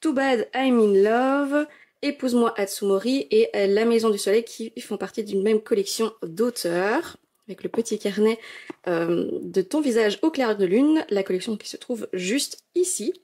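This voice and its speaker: A young woman talks through her shelves in a casual vlog, gushing and chatty. Her voice sits a little high, and she fills the gaps with small hesitations. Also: moderate pace, darkish tone. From France. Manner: chatty and enthusiastic, gushing, many euh fillers. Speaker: manga collection vlogger. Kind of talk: casual shelf-tour vlog narration.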